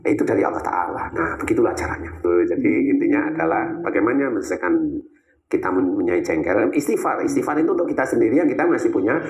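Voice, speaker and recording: A man's voice: lowish voice, lively intonation, fast, darkish tone. A man giving an Islamic religious talk, answering questions in a teasing way with many rhetorical questions. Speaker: Islamic preacher. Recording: echoey room.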